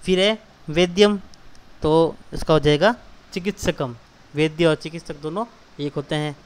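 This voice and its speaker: A man's voice: a little high, moderate pace. A male teacher patiently explaining a school exercise to children, glossing each word and repeating key terms.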